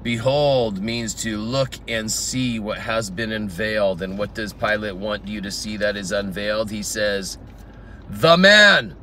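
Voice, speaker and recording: A man's voice: on the low side, unhurried, pushed and bright, a little hiss or hum. A man teaching the Bible informally outdoors in a garden, reading scripture aloud and explaining it verse by verse.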